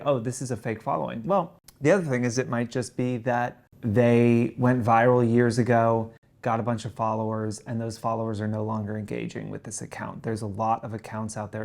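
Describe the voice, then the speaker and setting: A man's voice: mid-range voice, a little mellow. A man hosting a solo talk show and answering questions point by point, his speech slightly impeded by missing back teeth and stitches. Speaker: podcast host.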